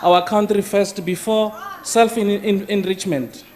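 A man's voice: sits high, fairly even intonation, unhurried, a little mellow. A man, an opposition member of parliament, confronting the president and talking over the chair. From South Africa. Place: large parliamentary chamber.

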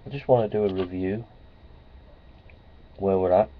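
A middle-aged man vlogs casually from a small office with framed certificates on the wall, speaking in a low voice at normal speed into a close webcam. His delivery is plainspoken and repetitive, heavy with ums, uhs, and repeated phrases. The recording has dull lo-fi webcam quality and a faint hiss.

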